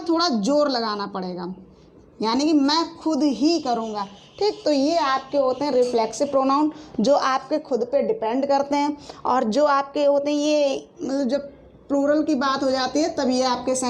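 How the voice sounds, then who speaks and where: A woman's voice: sits high, a little mellow. A woman teacher explaining grammar in a lesson, repeating points with frequent fillers and correcting herself as she goes.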